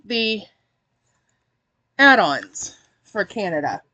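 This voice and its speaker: A woman's voice: mid-range voice, sing-song, extremely slow, bright, forceful tone. A woman hosting a casual snack-box unboxing, chatty and wry, reading the packaging aloud. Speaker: host reviewing a snack box.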